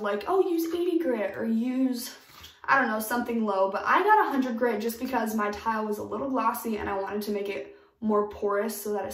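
A woman's voice: a little high, roomy sound, far from the mic. A young woman giving casual, emphatic DIY tips in a home bathroom, recorded by a camera in front of her. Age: young adult. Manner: chatty, emphatic, upbeat. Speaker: DIY vlogger.

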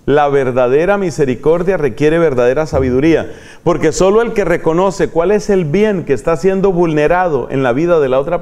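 Higher-voiced Colombian preacher. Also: male voice, a little mellow. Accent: Colombian Spanish. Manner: repeats key phrases for emphasis, asks and answers himself. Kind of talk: sermon at a retreat.

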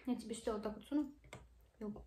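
A woman's voice: a little high, quick pace. A young woman talking casually as she eats and chews, like a mother hosting a family mealtime vlog at home. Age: young adult. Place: living room at home, indoors. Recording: home recording with clear background noise, clicks.

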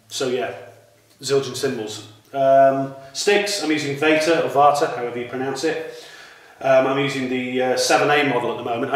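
A British man, a drummer, talking casually about his gear in a relaxed way, with many ums and restarts. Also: medium pitch, distant mic. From United Kingdom. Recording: echoey room, mic some way off.

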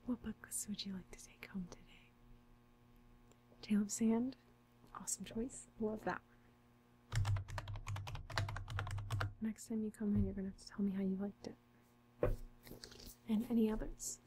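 A young woman in an ASMR role-play as a friendly, helpful librarian, speaking in a soft, intimate library soft voice. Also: medium pitch, fairly even intonation, unhurried, long pauses, noisy background. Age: young adult. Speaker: ASMR performer playing a librarian. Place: small curtained room indoors.

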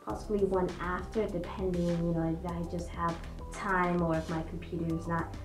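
A young adult woman with a fairly low, level voice at a normal pace vlogs to camera, cheerful and casual, with plenty of fillers and restarts. The fursuit head muffles her, and the small indoor room echoes with faint music behind her.

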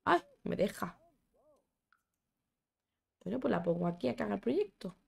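A woman's voice: mid-range voice, sing-song, normal speed, creaky, a little mellow, slightly rough. A young woman giving chatty, exclamatory commentary as she plays a life-sim game, talking to her characters and her viewers. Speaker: gaming YouTuber. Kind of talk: casual gameplay commentary.

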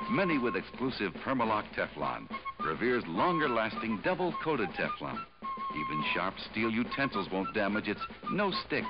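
A man doing an upbeat pitchman voice-over in an old 1960s TV commercial. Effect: old 1960s TV commercial sound. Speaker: commercial announcer. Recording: dull lo-fi old TV audio with loud music.

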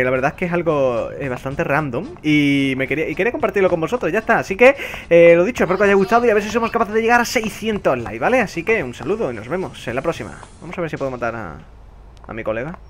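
Excitable Spanish gaming commentator man. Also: high-pitched, quick pace, a little hiss or hum. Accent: Spain Spanish. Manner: excitable, yelling and laughing at the game. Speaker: gaming YouTuber. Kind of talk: let's play commentary.

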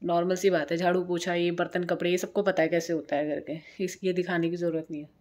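A woman's voice: on the low side, little pitch movement, quick pace, darkish tone. A woman in her thirties chatting casually to camera as a home vlogger, rambling and repeating herself. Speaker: vlogger and single mother. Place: indoors by a sunny window at home.

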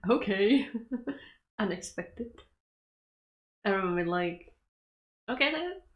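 Unhurried young woman reacting to anime. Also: medium pitch, expressive. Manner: chatty, giggly, talks back to the screen. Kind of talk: casual reaction commentary. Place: small bedroom, indoors.

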